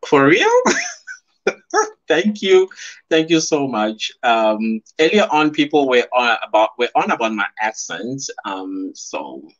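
A South African YouTuber hosts a casual live stream on his webcam from a small room at home, chatting animatedly, laughing a lot and reading out viewer comments. His medium-pitched voice moves slowly, and the stream audio is slightly dull and muffled lo-fi.

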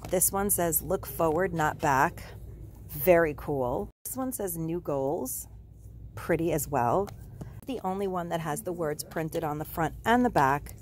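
A woman's voice: fairly low pitch, a little mellow, slight background noise. A middle-aged woman giving a gushing, enthusiastic shop-with-me narration, filming on a handheld phone inside a discount store. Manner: gushing, enthusiastic product descriptions. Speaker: shopping vlogger. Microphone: handheld phone camera.

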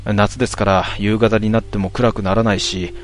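A man reading a ghost story aloud in a calm, measured storytelling manner. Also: on the low side.

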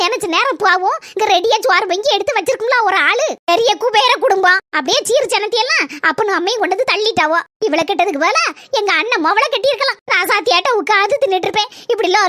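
Cartoon: woman playing high, bright, nagging old mother-in-law, Kanyakumari Tamil accent. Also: expressive, fast talker, dry recording, heavily acted. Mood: grumbling. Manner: nagging, grumbling, sharp-tongued. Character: scolding elderly village mother-in-law. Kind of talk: cartoon comedy voice acting.

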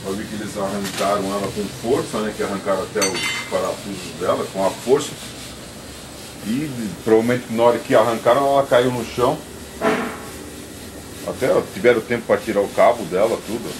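A man's voice: on the low side, brisk. A man in his fifties with a São Paulo Brazilian accent, a restaurant owner earnestly explaining to a reporter outdoors, rambling with restarts. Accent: Brazilian Portuguese, São Paulo. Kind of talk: on-the-spot interview. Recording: noisy outdoor field recording.

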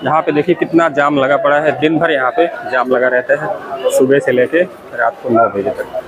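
A man's voice: mid-range voice, normal speed. A man narrating a walking tour of a crowded outdoor market, pointing out shops to his viewers. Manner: points things out to viewers, repeats "look here". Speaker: vlogger giving a market tour. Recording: loud street noise behind the voice.

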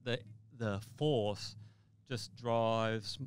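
A man from Australia, a mountaineer guest in an interview, telling a vivid story in a halting way with repeated words. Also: lowish voice, steady tone, smooth.

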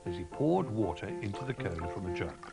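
A man with a lowish voice reads a children's storybook aloud, his pitch swinging widely in a sing-song way. Music plays clearly under the narration. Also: very animated, brisk.

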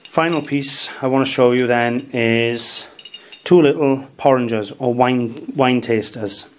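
A man's voice: medium pitch, a little slow. Welsh guy in his 30s doing a casual haul vlog at home, chatty, lots of ums. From Wales. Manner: chatty, full of "um" and "guys", gives tips. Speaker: antiques dealer and channel host. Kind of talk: casual show-and-tell vlog. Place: dining room at home, indoors.

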